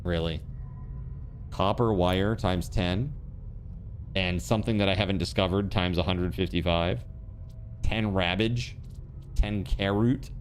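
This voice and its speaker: A man livestreaming and chatting casually with viewers, giving shout-outs in an excitable, hyped way with repeated words and exclamations. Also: low voice, a little slow, long pauses, slight background noise. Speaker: live game streamer.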